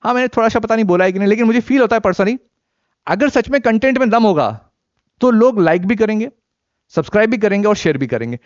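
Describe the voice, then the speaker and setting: Indian guy teaching exam prep, high voice, dry kinda dull sound, keeps repeating stuff and asking the class. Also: expressive, quick pace, no room sound. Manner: mixes Hindi and English, repeats key points, asks the class questions. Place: teaching studio. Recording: dry, slightly dull recording.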